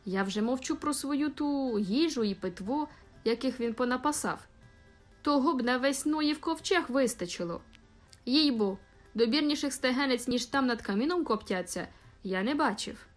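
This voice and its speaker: A woman's voice: high voice, animated, moderate pace, faint music behind. A woman reading an audiobook voices Ned, a chatty young man who complains and exaggerates. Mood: grumbling.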